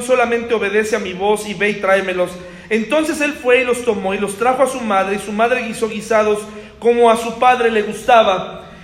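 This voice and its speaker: A man preaching a sermon as a pastor, talking conversationally and asking the congregation rhetorical questions. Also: very high voice. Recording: echoey hall.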